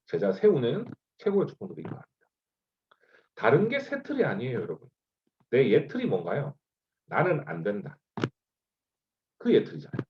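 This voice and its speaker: A man's voice: fairly high pitch, muffled recording. A man preaching a sermon to a youth group over an online video call, asking the listeners rhetorical questions. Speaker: youth pastor. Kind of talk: sermon to middle-school youth.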